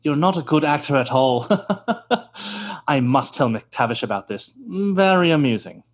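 A man's voice: medium pitch, lively intonation, moderate pace, a little hiss or hum, close to an everyday voice. An actor playing a vain, pompous male stage actor who talks theatrically and scoffs, in an old-time radio drama.

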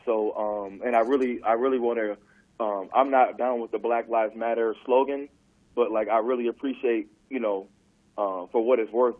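A man calls in over a tinny phone line, his mid-pitched voice squeezed thin by the connection. He speaks in a loose, casual way and keeps dropping "man" into his talk. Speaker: caller, comedian. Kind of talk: casual chat.

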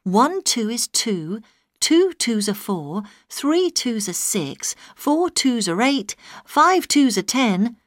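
A woman's voice: fairly high pitch, big pitch swings, extremely slow, no room sound, studio quality. A woman reading a short practice rhyme aloud for English learners in a sing-song, exaggerated way. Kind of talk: slow read-aloud of a tongue-twister rhyme.

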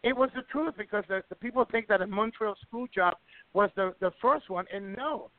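Man from Ecuador, middle-aged, fairly high voice, rambling storyteller, tinny phone line. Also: fairly quick, no echo. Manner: rambling, repeats words, many restarts. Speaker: wrestling promoter and guest. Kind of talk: casual radio interview storytelling.

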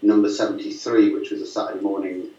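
A man's voice: lowish voice, little pitch movement, quick pace, mellow, a little hiss or hum. A man, telling stories in a rambling, amused way with many fillers and restarts. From Lancashire, northwest England. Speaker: filmmaker guest. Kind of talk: casual storytelling interview. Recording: roomy, distant, dull mic sound.

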